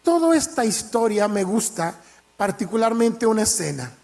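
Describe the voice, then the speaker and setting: A man preaching a sermon in Spanish, retelling a Bible story with lively, acted-out dialogue. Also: high voice, moderate pace, creaky. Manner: animated storytelling, acting out the king's lines.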